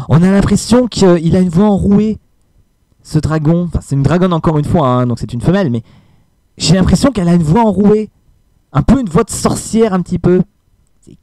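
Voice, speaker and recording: A man's voice: fairly high pitch, darkish tone, no echo. Hesitant French-speaking man reviewing a film. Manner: hesitant, many fillers, emphatic repeated apologies.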